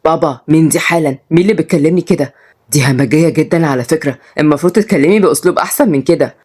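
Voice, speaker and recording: Snobbish lazy son, dismissive and rapid, as a woman narrator voices him. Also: deep voice, darkish tone, slightly rough. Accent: Egyptian Arabic.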